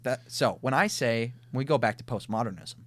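A man's voice: medium pitch, a little fast. A man with a Minnesota accent, co-hosting a conversational podcast and explaining ideas step by step, often thinking aloud through restarts and lists. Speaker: podcast co-host. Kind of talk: casual conversational podcast discussion.

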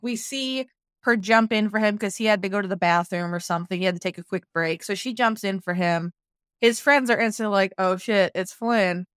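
Woman, co-host, casual recap chat, brisk, scene retelling, dry sound. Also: medium pitch, a bit bright, smooth, no room sound. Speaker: podcast co-host.

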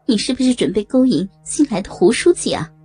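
A woman's voice: a little high, animated, fairly quick, mellow, soft background music, close to an everyday voice. A woman voicing a brutal male village chief who snarls insults. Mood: cursing.

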